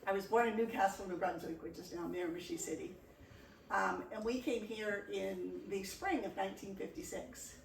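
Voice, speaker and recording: A woman's voice: mid-range voice, moderate pace, gravelly. A woman in her sixties from Nova Scotia, presenting her memories in a chatty, wry, self-deprecating way. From Nova Scotia, Canada. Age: 60s. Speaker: presenter at a local history meeting. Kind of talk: casual reminiscing talk. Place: community meeting room. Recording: echoey room, distant mic, faint noise.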